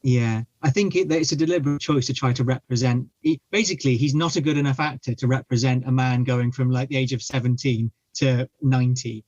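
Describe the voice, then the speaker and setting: A man's voice: medium pitch, fairly even intonation, a little fast, hardly any pauses, a little mellow, no room sound. A man making wry jokes while chatting on a film podcast. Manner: wry, joking. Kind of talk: casual chat. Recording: dull dry lo-fi audio.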